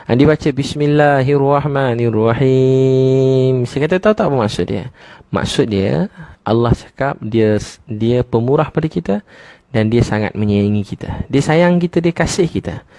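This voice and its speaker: A middle-aged man with a Malaysian Malay accent preaching a humorous sermon to a congregation. He tells stories animatedly and slowly chants some phrases in a sung tone. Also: medium pitch, lively intonation, gravelly, warm tone, no room sound.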